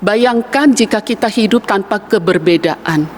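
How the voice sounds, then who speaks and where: A woman evangelist delivers a sermon at an even, measured pace and repeats key phrases for emphasis. Her voice sits at a middle pitch. It echoes through a church hall with a long tail and a faint hiss behind it. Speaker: evangelist preaching.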